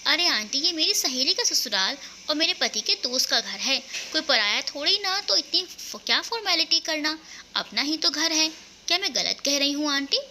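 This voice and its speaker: A woman's voice: fairly high pitch, big pitch swings, fairly quick, few pauses, pushed and bright, slight background noise, heavily acted. A woman voicing a sweet young bride who coaxes in an innocent, polite way. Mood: coaxing. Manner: innocent, coaxing.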